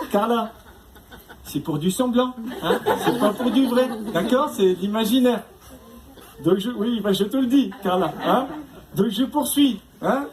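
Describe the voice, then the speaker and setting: A male stand-up comedian doing crowd work, chatty and teasing, tacking on tag questions as he goes. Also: sits high. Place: stage before a live audience. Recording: noisy live room.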